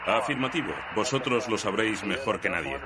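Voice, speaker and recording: Man as calm mission controller over walkie-talkie radio, lowish voice, crowd noise behind. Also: a little fast. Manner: calm, clipped radio calls. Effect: over walkie-talkie style radio. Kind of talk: dubbed documentary archive.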